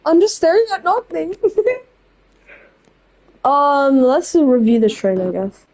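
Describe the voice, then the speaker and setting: A woman talks through a train-driving game in a loose, rambling commentary, tossing off blunt verdicts as she goes. Her voice sits a little high but sounds mellow and soft-edged. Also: big pitch swings, rough recording. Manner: rambling, blunt and opinionated, quick asides. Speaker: gameplay channel host. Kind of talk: casual gameplay commentary.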